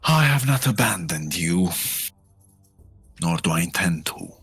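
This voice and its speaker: A man playing a proud, strong-willed warrior in a tabletop game, arguing earnestly in a husky voice. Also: sits low, expressive, a little slow, fairly bright tone, dry recording, soft background music, exaggerated voice. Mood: earnest, pleading.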